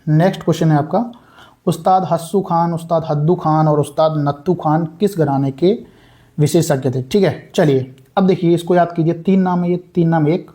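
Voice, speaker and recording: A man's voice: on the high side, steady tone, moderate pace, dark tone. A young man giving a casual exam-prep lesson, chatty and repetitive, often calling his viewers brother. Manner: chatty, repeats words, addresses viewers as brother. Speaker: exam coaching teacher.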